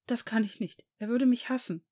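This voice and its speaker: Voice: mid-range voice, moderate pace, darkish tone, voice pushed up, close to an everyday voice. A reader voicing a desperate, loyal young man in a fan audiobook, pleading and sobbing. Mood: tearful.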